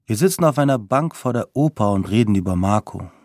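A young man reading a literary story aloud in a deadpan, wry way. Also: fairly low pitch, brisk, dry recording, studio quality.

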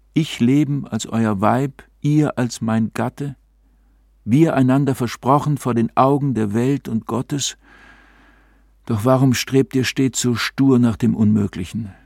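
A man's voice: medium pitch, creaky, darkish tone, dry recording, studio quality, pitched above the performer's own voice. A man reading a story, voicing a young noblewoman who pleads earnestly with her lover. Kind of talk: audiobook character reading.

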